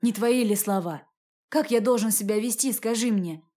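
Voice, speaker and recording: A woman's voice: medium pitch, normal speed, dark tone, natural voice. A woman reading the lines of a cold, domineering wealthy man in an audiobook, speaking curtly. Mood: angry. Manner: curt and cold.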